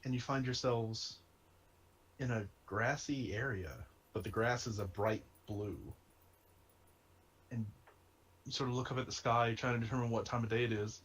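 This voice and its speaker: Husky-voiced man running a tabletop game. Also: medium pitch, fairly even intonation, normal speed, long pauses, fairly bright tone. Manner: laughing often, casual and wry. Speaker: game master. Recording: streamed game session.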